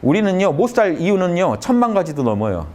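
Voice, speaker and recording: A man giving a lecture to young adults in a conference room, talking listeners through a calming exercise with short repeated phrases and emphatic stresses. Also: a little fast. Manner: lively, emphatic delivery with sudden rises in pitch. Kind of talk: motivational humanities lecture.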